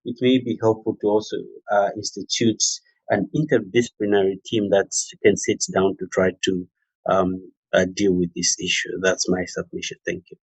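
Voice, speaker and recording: Low-voiced man on a dull dry call. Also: flat delivery, breathy edge, dry recording. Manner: measured, formal, hesitant. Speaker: workshop participant. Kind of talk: giving a submission in an online webinar.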